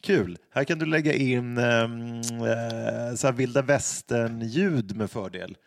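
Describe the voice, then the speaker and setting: A man's voice: mid-range voice, gravelly. Rambling man telling a joke. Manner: rambling storyteller with fillers and asides. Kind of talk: casual joke-telling chat. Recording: music playing under the voice.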